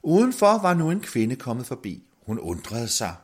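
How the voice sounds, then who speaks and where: A man narrating a fairy tale with expressive, sweeping intonation. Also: mid-range voice, husky. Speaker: storyteller.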